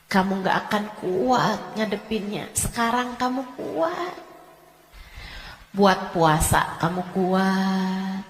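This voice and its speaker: Woman preaching slow and high, repeats herself a lot, big echoey hall. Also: expressive. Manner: repetitive and emphatic, swinging between hushed and shouted. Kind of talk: sermon.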